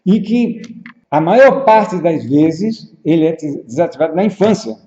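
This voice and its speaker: A man coaching public speaking, explaining at a measured pace with frequent pauses and tag questions. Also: a little high, lively intonation, dark tone. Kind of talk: explanatory lesson at a whiteboard. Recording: roomy, echoey, dull lo-fi sound.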